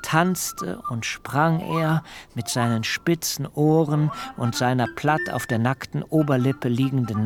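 An actor playing Jakob, a proud, wary man who recounts his own story in measured, wry, literary phrasing for a radio drama. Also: mid-range voice, close to an everyday voice. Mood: vivid recounting. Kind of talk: scripted first-person narration in a radio drama.

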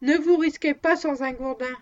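A woman's voice: sits high, steady tone, moderate pace, lightly acted. A woman reading the part of a blunt, stubborn male dog handler in an audiobook, on a dull lo-fi recording.

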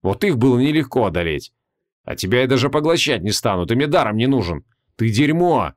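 A man's voice: medium pitch, sing-song, fairly quick, lightly acted. A scornful ancient archmage, as a man reading puts him on, speaking with mocking arrogance. Audiobook fantasy reading. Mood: menacing.

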